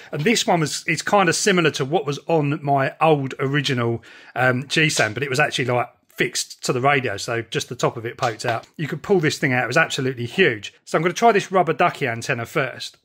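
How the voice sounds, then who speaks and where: Husky and fairly bright at medium pitch, the voice belongs to a middle-aged man with a southern English accent. As a radio hobbyist vlogger, he chats casually and makes radio calls from his house and back garden.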